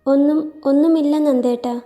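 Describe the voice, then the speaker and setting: A hurt young wife answers in quiet, hesitant words, as a woman narrator voices her. Her voice is high, with a deeply mellow, warm tone. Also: steady tone, normal speed, soft background music, natural voice.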